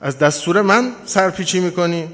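A man's voice: high-pitched, a bit bright, voice pushed up. A man voicing a cruel, greedy middle-aged master who coldly refuses mercy, with curt replies. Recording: long hall reverb.

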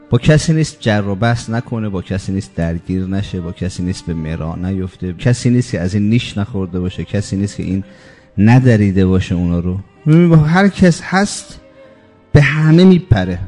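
A man delivers a sermon in a low, mellow voice. He speaks emphatically, stacking repeated phrases and slowing on words he wants to stress. Faint music plays behind him. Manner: emphatic, lists with repetition. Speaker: preacher. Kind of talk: religious sermon.

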